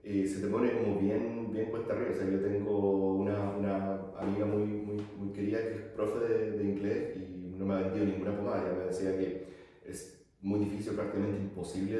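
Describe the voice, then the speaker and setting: A man speaks in a low voice, hesitant and thoughtful, with many pauses and fillers. His tone is dark and mellow. The room around him has a heavy, ringing echo. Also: little pitch movement. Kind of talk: casual podcast chat. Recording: very echoey room.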